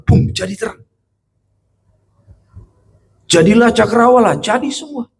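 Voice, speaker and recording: With a husky voice, a male pastor delivers a sermon in church, questioning his congregation. He alternates between loud, emphatic declarations and hushed, low-key storytelling.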